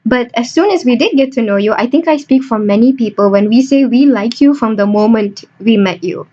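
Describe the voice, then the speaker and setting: Young woman, podcast host, bubbly and jokey, fairly high voice, dull lo-fi sound. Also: brisk, mellow. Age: young adult. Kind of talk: playful podcast interview. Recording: dull lo-fi home recording.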